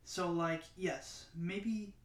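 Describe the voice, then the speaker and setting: Man from staten island, casual podcast chat, slightly high voice, echoey room. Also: steady tone, very slow, recorded from a distance, slight background noise. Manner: joking, conversational. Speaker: podcast co-host.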